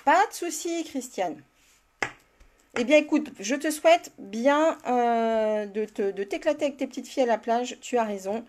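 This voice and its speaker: A woman's voice: on the high side, expressive, normal speed, darkish tone, slight background noise. Chatty French woman crafting. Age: older. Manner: chatty, answers viewers by name, laughs often. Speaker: crafting demonstrator. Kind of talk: live card-making tutorial.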